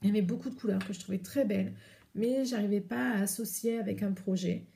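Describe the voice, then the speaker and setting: Chatty French woman with a gravelly voice. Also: medium pitch, steady tone, quick pace, warm tone. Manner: chatty, rambling, many hesitations. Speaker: knitting podcast host. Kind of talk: casual chat showing yarn to camera.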